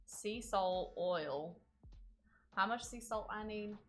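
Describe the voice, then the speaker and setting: A woman from North Carolina with a Southern accent she plays up, chatting casually on a live stream as she cooks in her kitchen, thinking out loud and answering viewers. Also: mid-range voice, slow pace, soft background music. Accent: Southern US, exaggerated for a viewer redeem. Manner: chatty, answers chat and thanks followers, thinks aloud while working. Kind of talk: casual live-stream chat while cooking. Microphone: wearing headphones.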